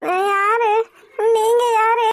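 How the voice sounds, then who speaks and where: A woman plays a dazed young cartoon girl with a very high, thin voice. She speaks haltingly through tears, close and dry with no room sound. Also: fairly even intonation, no room sound. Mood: dazed, tearful. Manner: weepy, halting, bewildered. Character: young injured girl, frightened and confused. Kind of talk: cartoon voice acting.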